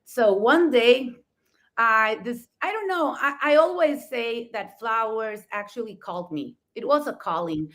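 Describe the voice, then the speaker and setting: Telling her story as a co-host, this middle-aged Mexican florist speaks with a Mexican accent; Spanish is her native language. Her fairly bright, highish voice is animated and unhurried, full of enthusiasm, frequent laughter, and rephrasings that begin with "I mean."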